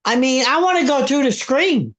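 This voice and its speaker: A Brooklyn woman in her seventies, with the local accent, chats casually as a live stream guest. Her voice is high and animated at a moderate pace, and she's blunt and heated, repeating herself.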